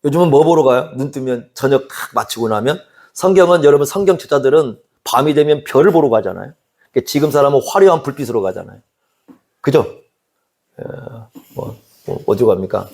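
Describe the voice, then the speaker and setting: Animated Korean man preaching a sermon. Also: medium pitch, a little fast. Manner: conversational preaching, asks the congregation questions, acts out quoted dialogue. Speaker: pastor.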